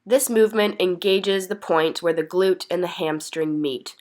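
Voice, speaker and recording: In a workout voice-over, a woman sounding a bit congested from illness guides viewers through exercises in an encouraging, explanatory manner. Her lowish, slightly mellow voice moves at a measured pace.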